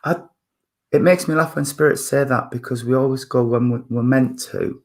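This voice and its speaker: Giving a spiritualist mediumship reading, this man in his fifties stumbles along with many fillers and restarts as he thinks aloud. His husky voice is medium-pitched, steady and somewhat dark in tone.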